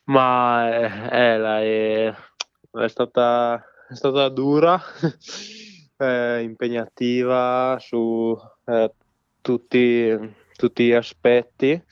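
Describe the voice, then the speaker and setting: Slow, smooth young man on a phone. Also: medium pitch, steady tone, dry recording. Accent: northern Italian, Trentino. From Trentino, northern Italy. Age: 20s. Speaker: biathlete being interviewed. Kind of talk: casual phone interview. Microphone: telephone. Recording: slightly dull telephone connection.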